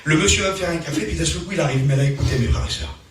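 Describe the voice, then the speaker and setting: A man with a high voice delivers a storytelling sermon, his pitch swinging up and down as he goes. He sounds distant from the microphone, and a strong echo from the hall surrounds every word. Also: rapid-fire, slight background noise. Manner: animated storytelling, voice rising and falling. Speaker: preacher. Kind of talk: testimony sermon. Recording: very echoey room, from far off.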